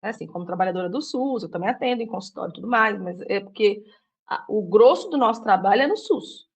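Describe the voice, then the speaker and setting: A woman's voice: medium pitch, animated, fast, slightly rough. A woman who works in public mental health care talks through her doubts in a casual discussion. She questions and reflects as she goes, padding her sentences with small fillers.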